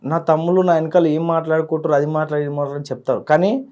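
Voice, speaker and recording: A man's voice: fairly high pitch, fairly even intonation, fast, a little mellow. A young man speaks. As the guest of an interview, he talks with heartfelt feeling and often repeats his words. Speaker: student leader guest. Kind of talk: emotional interview.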